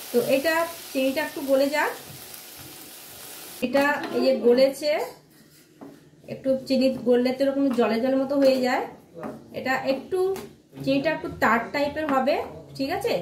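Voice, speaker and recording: A woman's voice: high-pitched, roomy sound, a little hiss or hum. A middle-aged woman, chatting to viewers as she cooks in her home kitchen and often checks they are following. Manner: chatty, often asks "all right?" to viewers. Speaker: home cooking vlogger. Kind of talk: casual home vlog chat.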